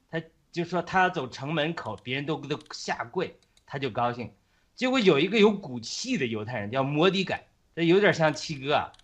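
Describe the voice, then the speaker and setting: Halting man retelling a Bible story. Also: a little high, a bit bright. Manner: halting, with frequent fillers and restarts.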